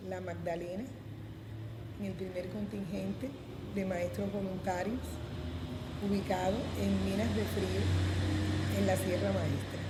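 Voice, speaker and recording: An older woman from Santiago de Cuba with a Cuban accent, slowly and carefully recalling her time as a volunteer teacher. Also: medium pitch. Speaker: former volunteer teacher interviewed. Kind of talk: documentary testimony. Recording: echoey room with reverb and noise.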